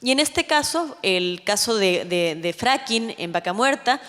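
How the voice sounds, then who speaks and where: A woman's voice: mid-range voice, lively intonation, unhurried, fairly bright tone. A woman from Ecuador giving a formal, earnest address as secretary of an ethics tribunal, with frequent fillers and restarts. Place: legislative chamber hall. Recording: long hall reverb.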